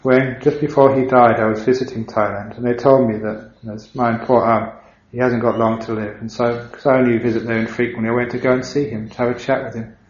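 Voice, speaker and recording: An Englishman who is a Buddhist monk, giving a dharma talk in an unhurried, reflective storytelling way with gentle humor. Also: medium pitch, level tone. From England. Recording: dull, roomy recording.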